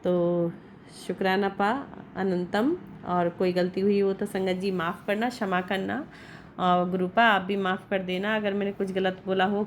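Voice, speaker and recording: A woman's voice: mid-range voice, slight background noise. A middle-aged woman recording a devotional gratitude talk at home. She speaks fervently, repeats her thanks again and again, and speaks straight to her guru. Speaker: devotee giving a gratitude testimony.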